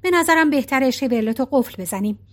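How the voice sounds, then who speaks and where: A woman's voice: high-pitched, expressive. A woman reading a storybook voicing an impatient middle-aged husband who keeps asking pointed questions. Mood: exasperated.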